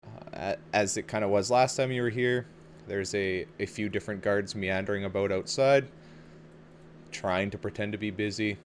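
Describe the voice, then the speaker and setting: A man narrating a tabletop game casually as game master, halting as he searches for words. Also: on the low side, steady tone. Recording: clear background noise.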